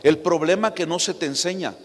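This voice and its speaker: A man's voice: on the high side, brisk. A man preaching a sermon, firing rhetorical questions at his congregation. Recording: long reverb of a church hall.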